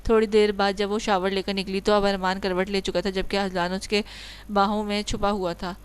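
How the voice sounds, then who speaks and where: A woman narrating an audio novel in a smooth, clear voice. Her pitch stays fairly flat as she reads on steadily. She corrects the odd stumble mid-sentence. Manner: steady reading with small slips and self-corrections. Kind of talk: reading a romance novel aloud.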